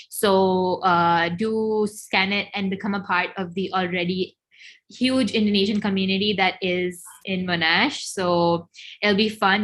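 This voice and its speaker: A woman's voice: fairly low pitch, fairly bright tone. A woman from a student association giving an informal, friendly presentation to new students, with frequent fillers. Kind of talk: casual presentation.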